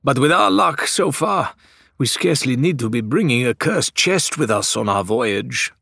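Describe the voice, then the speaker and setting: A man's voice: medium pitch, lively intonation, normal speed, creaky, bright, forceful tone, slightly rough, no echo, clean studio sound, voice pushed up, heavily acted. A man voicing a formal, courteous male pirate who speaks with grave precision. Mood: consoling.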